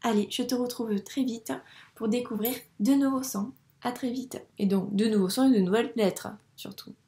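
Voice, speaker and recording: A woman teaching young children a dictation, patiently spelling out sounds and syllables clearly for a child. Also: on the high side, moderate pace, warm tone. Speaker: primary school teacher. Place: room with a whiteboard. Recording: echoey room.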